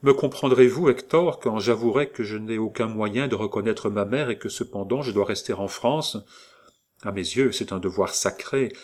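A man's voice: moderate pace, darkish tone, natural voice. An anxious, pious young woman from a storybook, as a male reader puts her on. She pleads in a lifted, emotional voice, full of longing. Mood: weary tender. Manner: pleading, emotional, raised pitch.

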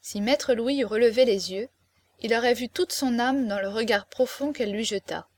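A woman's voice: on the high side, moderate pace, no echo. Woman narrating a classic novel. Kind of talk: scripted audiobook narration.

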